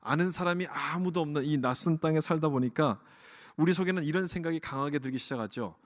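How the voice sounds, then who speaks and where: Male pastor, earnest sermon delivery that questions the congregation, slightly raised pitch, long church reverb. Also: quick pace. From Korea. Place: church sanctuary.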